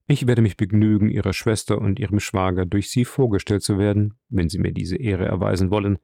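In a dry, gravelly low voice, a narrator gives a wealthy, worldly count who speaks with calm reserve. The delivery stays measured and aloof, audiobook style, with a dark, mellow tone. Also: male voice, no room sound. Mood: composed. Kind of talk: audiobook reading.

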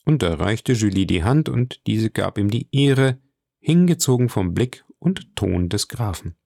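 A man narrates a classic novel in a calm, even audiobook reading. His lowish voice has a gravelly grain, and the recording is dry and close with little room sound. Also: measured pace, dry recording. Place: coworking space.

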